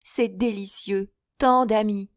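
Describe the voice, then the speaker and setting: A woman's voice: mid-range voice, fairly even intonation, slow, no room sound, clean studio sound, voice pushed up, lightly acted. A woman voicing a chattering, effusive older spinster who gushes in breathless run-on talk. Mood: gushing.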